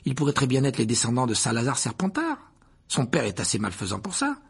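A man's voice: wildly swooping pitch, brisk, creaky, slightly rough, full character voice. A man voicing a serious, earnest young schoolboy wizard. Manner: serious, low-key.

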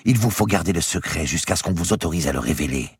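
A man's voice: deep voice, lively intonation, fast talker, husky, no echo, clean studio sound, pitched above the performer's own voice, full character voice. A man reading the part of a noblewoman who firmly and insistently persuades a grieving girl. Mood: urgent coaxing. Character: noble older woman, firm, coaxing, protective. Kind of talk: audiobook character reading.

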